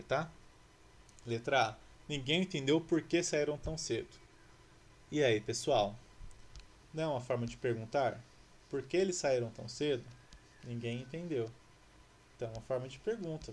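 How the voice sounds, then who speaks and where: A man's voice: mid-range voice, darkish tone, slight background noise. A male teacher from Brazil talking through exercises in a recorded lesson, patiently explaining and asking rhetorical questions.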